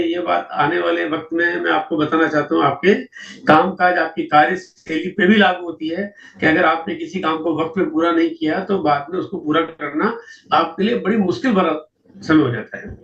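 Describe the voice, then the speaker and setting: A man gives a seminar talk, walking through statistics with repetition and rhetorical questions. His voice sits high for a man. It is picked up from a distance in a roomy, echoing space on a dull, lo-fi recording. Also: fairly bright tone. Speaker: network marketing seminar speaker.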